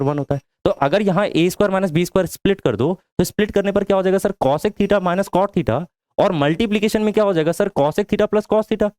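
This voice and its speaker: Indian guy teaching maths, kinda high voice, asks the class stuff then answers it himself, dry close sound. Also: darkish tone, dry recording. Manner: explains step by step, asks the class questions and answers them himself. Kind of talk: whiteboard lesson.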